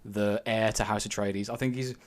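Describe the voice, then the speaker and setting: A man's voice: fairly low pitch, fairly even intonation, normal speed. A man co-hosting a podcast in casual chat, giving frank opinions and thinking aloud with frequent ums. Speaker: podcast co-host.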